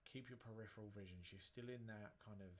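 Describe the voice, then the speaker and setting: A man's voice: lowish voice, steady tone, fast, a little hiss or hum. A man giving a guided relaxation lesson in an informal, conversational way, as a breathing instructor. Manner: informal, conversational, with joking asides. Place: indoor room near a busy road. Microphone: microphone within arm's reach, facing a screen.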